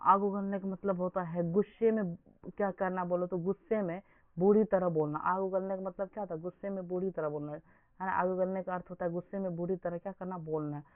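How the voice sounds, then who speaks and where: A man's voice: high-pitched, no room sound. A young man teaching an exam coaching lesson, quizzing his listeners with repeated questions. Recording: dry, phone-like lo-fi sound.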